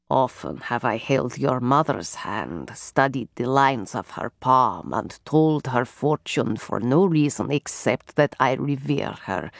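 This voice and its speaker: A woman voicing a strong old fortune-teller who speaks in a low, softly rasping voice, with slow, hushed, litany-like phrasing. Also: no echo, clean studio sound, heavily acted. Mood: coaxing. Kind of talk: audiobook character voice.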